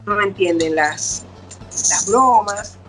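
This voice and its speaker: A woman's voice: medium pitch, takes it slowly, loud music behind the voice. Woman doctor patiently explaining. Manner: patient, explanatory, acts out quoted parents and children. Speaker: doctor, guest expert. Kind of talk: explaining casual interview talk.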